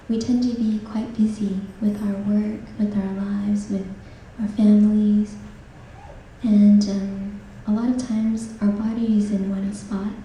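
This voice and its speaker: Slow, mellow woman speaking in a hall. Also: mid-range voice, far from the mic, slight background noise. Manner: gentle, unhurried, frequent "um"s. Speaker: speaker at a talk. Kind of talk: dharma talk to an audience. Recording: roomy hall, speaker off-mic.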